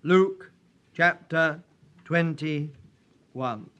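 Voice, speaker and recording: A man preaching in a church, praying and reading scripture in a solemn, measured way at a pulpit microphone. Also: fairly high pitch, a bit bright, dull audio. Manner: solemn and measured, old-fashioned prayer wording. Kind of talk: sermon with prayer and scripture reading.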